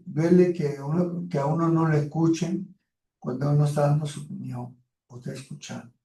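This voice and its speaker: A man's voice: on the high side, mellow. Man teaching from far off, echoey room. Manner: explanatory, with frequent "eh" fillers. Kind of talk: classroom lecture. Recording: roomy echo, far from the mic.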